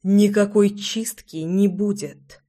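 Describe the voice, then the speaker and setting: A reader voicing Raylikh, an angry young man who is a detective and a prince. He is blunt, shouts and swears. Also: sits high, moderate pace, natural voice. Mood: heated.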